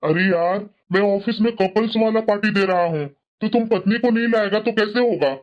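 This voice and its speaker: A woman's voice: medium pitch, fairly quick, voice pushed down, natural voice. A woman putting on the voice of a bossy male office boss who gives orders casually. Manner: commanding, casual. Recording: dull lo-fi sound, off-mic.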